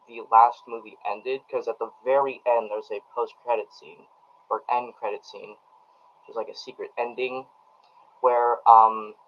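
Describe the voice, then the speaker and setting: Rambling man streaming a movie review. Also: mid-range voice. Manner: rambling, many ums and restarts; talks straight to his live chat. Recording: dull lo-fi audio.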